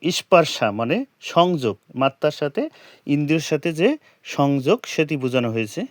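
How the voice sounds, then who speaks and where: A man teaching how to pronounce and understand a scripture verse, chanting it slowly syllable by syllable and putting rhetorical questions to the listener. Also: mid-range voice, dry recording, studio quality. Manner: slow and careful, chanting verse lines syllable by syllable. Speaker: Gita teacher. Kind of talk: explaining scripture pronunciation and meaning.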